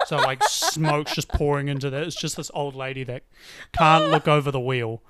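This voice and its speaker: A man's voice: a little high, steady tone, moderate pace, noisy background. A young man co-hosting a podcast, chatting casually with sarcastic jokes and plenty of swearing. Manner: joking, sarcastic, swears freely. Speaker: podcast co-host. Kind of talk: casual chat.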